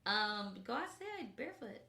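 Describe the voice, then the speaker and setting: Here the Memphis co-host sounds very animated yet unhurried, her voice on the high side with vocal fry and a sharp tone. She chats casually and playfully, leaning on "like" and "um" fillers, and the recording is reverberant.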